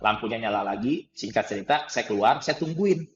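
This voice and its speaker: A man telling a personal story in conversation, animated, laughing often and acting out the dialogue. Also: on the low side, a little fast, lo-fi sound. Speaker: guest trainer.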